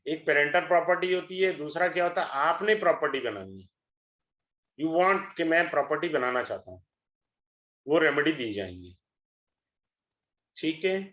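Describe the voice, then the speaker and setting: A middle-aged man giving an astrology webinar, a persuasive, salesy pitch that mixes Hindi and English. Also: lively intonation, normal speed, pauses often, fairly bright tone. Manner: switches between Hindi and English. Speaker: astrology teacher. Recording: echoey room, dull lo-fi sound.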